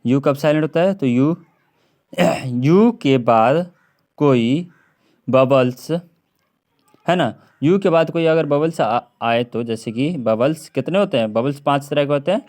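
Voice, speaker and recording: A man teaching an English lesson, repeating each word several times and often clearing his throat. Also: on the high side, moderate pace, darkish tone. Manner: repeats words over and over, drawn out, with frequent throat clearing. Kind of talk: classroom lesson on silent letters.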